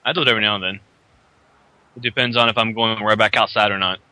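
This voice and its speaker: Bright, forceful man co-hosting casually. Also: fairly low pitch, steady tone, quick pace, dry recording. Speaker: guest co-host. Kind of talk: casual live commentary chat.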